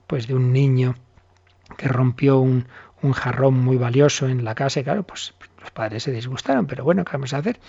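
A husky-voiced man teaches the catechism as a priest. He tells stories and acts out little exchanges in different voices. The recording is dull and lo-fi. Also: mid-range voice. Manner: animated storytelling, acts out little dialogues. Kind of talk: catechism lesson commentary.

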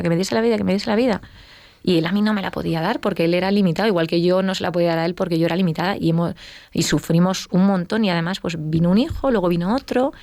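Fast-talking gravelly woman. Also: fairly low pitch, no room sound. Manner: lively storytelling, acts out quoted dialogue. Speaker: interview guest. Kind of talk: personal testimony.

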